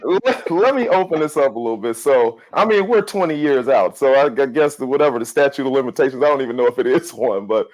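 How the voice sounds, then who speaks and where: A man in his forties hosting a podcast interview, easygoing and quick to laugh. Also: medium pitch, expressive, a little mellow. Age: 40s. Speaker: podcast host. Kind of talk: casual interview chat.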